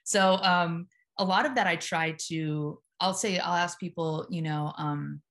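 With an unhurried, even delivery, a guest hypnotherapist speaks in her naturally low voice during a casual interview. She is a Southerner from Memphis who works at a psych hospital, and she stays calm and deliberate throughout.

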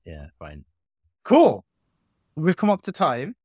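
A woman's voice: sits low, wildly swooping pitch, slow, warm tone, husky, no room sound, clean studio sound. A woman co-hosting a podcast, chatting casually in a playful, informal way. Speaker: podcast co-host. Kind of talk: casual chat.

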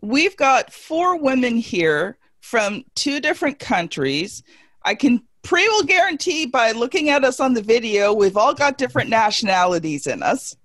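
A woman in her forties with a fairly high voice, talking on a video call in a casual panel chat. She speaks with folksy, emphatic conviction and pokes fun at herself. The sound is dry and close. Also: big pitch swings, moderate pace, fairly bright tone, no room sound. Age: 40s. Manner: emphatic, folksy and self-deprecating.

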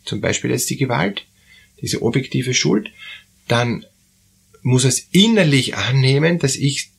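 A man with an Austrian German accent talks through a topic at an even, middling pitch. His voice is husky and a little breathy. He restarts phrases often and checks in with little questioning tags. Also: a little slow. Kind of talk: explanatory talk to camera.

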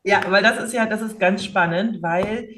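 A woman's voice: medium pitch, moderate pace, very noisy. Woman host, chatty and affirming. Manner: conversational, affirming listener. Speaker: podcast host and parenting coach. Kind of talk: casual podcast conversation.

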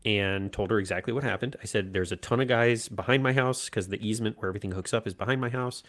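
A man's voice: fairly low pitch, fast talker. A man, a podcast co-host telling a casual story and acting out the voices of the people in it. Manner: animated anecdote telling, acts out quoted voices.

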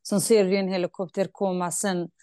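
Female host, low mellow voice, empathetic questions, dry close recording. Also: level tone, dry recording. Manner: emotional, empathetic questioning with restarts. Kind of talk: conversational interview.

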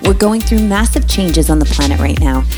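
A woman's voice: low-pitched, expressive, normal speed. Earnest woman hosting a podcast, music playing under her voice. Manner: earnest, welcoming. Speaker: podcast host. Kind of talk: scripted intro and interview chat.

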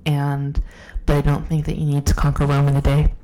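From a downstairs room at home, a sick woman hosts her podcast, rambling off the cuff and putting herself down as her voice gives out. Her voice is deep and warm, completely flat in delivery and a little fast. It's captured on a phone with poor audio.

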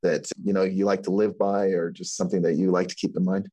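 Low, mellow-voiced male podcast host. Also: quick pace, no echo. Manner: relaxed, encouraging, many fillers. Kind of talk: podcast interview.

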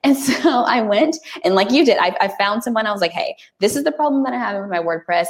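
A woman talking as a guest on a podcast in a lively, casual way, often laughing and restarting her sentences. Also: medium pitch, fast talker.

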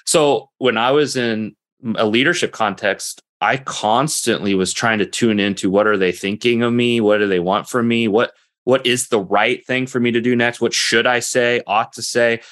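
A man in his own voice hosting a casual interview. He thinks out loud with energy, often rephrasing mid-sentence with "like" and "you know." His pitch sits right in the middle for a man. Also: moderate pace, hardly any pauses. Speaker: podcast host.

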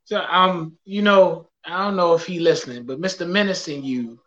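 A man's voice: on the high side, normal speed, fairly bright tone, highs cut off. A man hosting a live talk show, chatting casually and energetically with his guest. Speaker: show host.

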